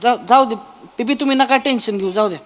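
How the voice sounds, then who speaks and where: A man's voice: very high-pitched, fast, in a large hall, faint music behind. An actor playing a coaxing, folksy neighbour man in a stage comedy sketch.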